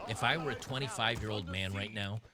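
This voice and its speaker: A man's voice: fairly low pitch, a little fast, background noise. A man, ranting in a frustrated, sarcastic, rambling way. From Tennessee, USA. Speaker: commentator. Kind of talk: ranting commentary.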